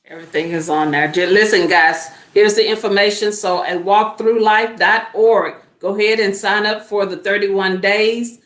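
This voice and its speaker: A woman's voice: medium pitch, fairly even intonation, normal speed, hardly any pauses. A woman hosting a church talk program, wrapping up the show and giving out sign-up details. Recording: roomy echoey sound.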